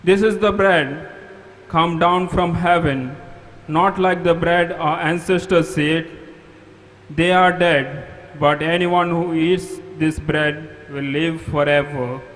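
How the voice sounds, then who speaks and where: A priest reads scripture in an unhurried, measured way, his voice a touch high for a man. Every phrase hangs in a long cathedral echo. It sounds like a large stone church. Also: fairly even intonation, a bit bright. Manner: slow, measured proclamation. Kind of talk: reading scripture at a service.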